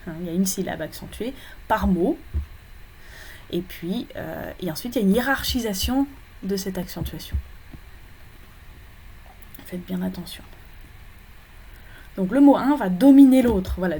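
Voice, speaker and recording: A woman's voice: medium pitch, darkish tone, husky. A woman teaching English phonology in a recorded lecture for exam preparation, explaining step by step with frequent fillers and self-corrections.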